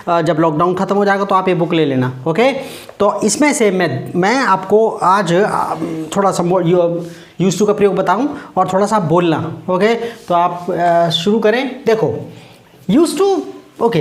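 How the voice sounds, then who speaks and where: Patient male English teacher in an echoey room. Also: high voice. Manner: patient, repeats key words, quizzes students. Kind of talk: online English lesson.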